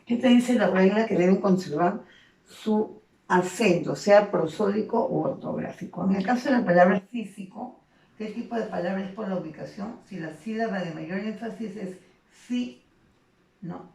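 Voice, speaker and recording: A woman's voice: mid-range voice, normal speed, gravelly, a little mellow, recorded from a distance. A woman teaching a secondary school grammar lesson, explaining patiently and checking in with frequent tag questions. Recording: echoey room, voice off the mic.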